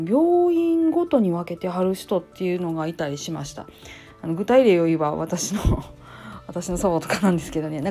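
Chatty Kansai-dialect nurse woman. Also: lowish voice. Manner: chatty, lively, hedging with fillers. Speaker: nurse and temple priest's wife, channel host. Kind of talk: casual solo talk.

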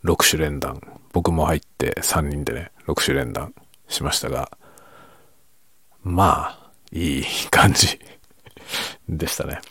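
A man speaks quietly in a very deep voice with a gravelly edge, keeping it soft and unhurried as he rambles through a late-night solo chat. His tone is husky, and the recording is dry and close, with no room sound around him. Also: fairly even intonation, no room sound. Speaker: podcast host.

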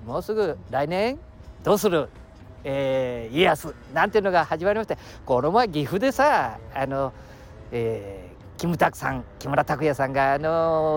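A man in his sixties from Aichi with a Nagoya dialect, chatting on his own show outdoors by the sea, rambling and chuckling as he jumps between topics. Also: a little high. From Aichi, Japan. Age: 60s. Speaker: podcast host. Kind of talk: casual solo chat. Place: outdoors by the seashore.

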